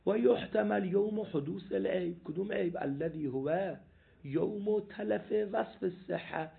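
A man's voice: sits high, vocal fry. A man teaching a seminary law class, reading passages aloud and questioning his students. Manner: animated, repeats points, asks the class questions. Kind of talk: jurisprudence class lecture. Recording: phone-like lo-fi recording.

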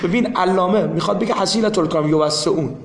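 A man's voice: sits high, reverberant, background noise. A man teaching a seminary class, explaining insistently and repeating his points.

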